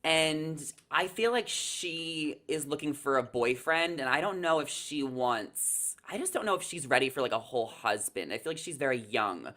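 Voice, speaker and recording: Co-hosting a reality TV recap over a video call, a young adult man speaks from a small indoor room with casual, emphatic chatter. His voice is on the high side, bright and forceful, with lively intonation, a moderate pace and few pauses.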